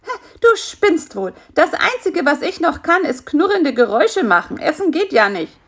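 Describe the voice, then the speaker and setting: A squeaky, whiny little fly , as a woman puts him on, caught in a web and always hungry. His voice jumps high and all over the place, with a gravelly edge at the bottom. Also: animated, moderate pace, a bit bright, exaggerated voice. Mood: complaining.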